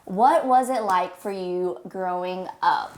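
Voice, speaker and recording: A woman hosting a podcast, chatting casually and excitedly with her guest. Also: fairly low pitch, slow pace. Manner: bubbly, excited, sings out greetings. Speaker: podcast host. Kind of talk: casual interview chat.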